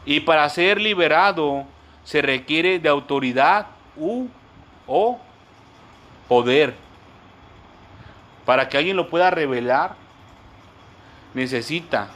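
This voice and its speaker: Slowly, with long pauses, a man teaches a church Bible study in an expressive voice that's on the high side and a bit bright, with slight background noise. He goes back over his points repeatedly and keeps calling the listeners brothers. Terms get spelled out, and he explains them word by word.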